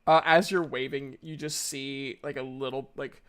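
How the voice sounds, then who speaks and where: A man's voice: medium pitch, fairly even intonation, moderate pace, a bit bright, clean tone. A man narrating as dungeon master of a tabletop game, hesitant and full of fillers. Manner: hesitant, many fillers and restarts.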